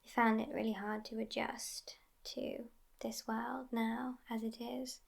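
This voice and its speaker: An ASMR roleplay performer, a woman, whispers slowly as a sassy, outspoken immortal vampire girlfriend who is world-weary and teasing. Her breathy whisper sits a little high with little pitch movement, and her wry, amused delivery is unhurried, soft and intimate.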